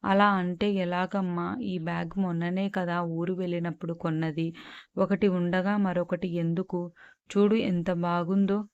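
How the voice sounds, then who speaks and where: A woman voicing a patient mother who gently coaxes and lectures her daughter, in a calm, instructive manner. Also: lowish voice, moderate pace, smooth, dry recording, muffled recording, natural voice. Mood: coaxing.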